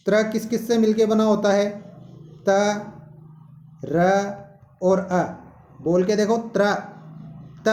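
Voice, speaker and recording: A male teacher, explaining a lesson slowly and posing questions to students. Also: sits high, mellow, roomy sound. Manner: slow, explanatory, asks questions. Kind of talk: classroom-style lesson.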